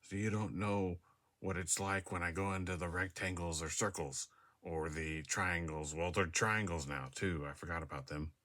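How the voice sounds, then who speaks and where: This vlogger has a deep, steady voice with a fairly bright tone and talks at normal speed into his device's camera mic indoors. Casual and meandering, he trips over fillers and restarts and often laughs at himself.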